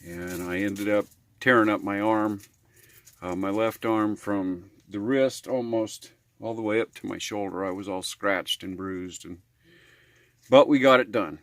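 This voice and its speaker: Unhurried and fairly low-pitched, this American RV vlogger chats off the cuff about life on the road and fixing things up. His talk is folksy, meandering, and full of homespun slang, with no room sound in the recording.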